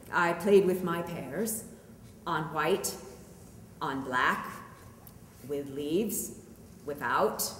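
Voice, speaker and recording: A middle-aged woman playing a devoted, wry painter, giving a theatrical, dramatic reading of her love letters with deliberate pauses. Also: low voice, a bit bright, exaggerated voice. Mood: tender, brooding. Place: indoor art gallery. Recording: echoey hall reverb, noticeable room noise.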